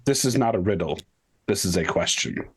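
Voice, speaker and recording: Low-voiced man at a tabletop game. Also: animated, moderate pace, slight background noise, rough recording. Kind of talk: tabletop role-play conversation.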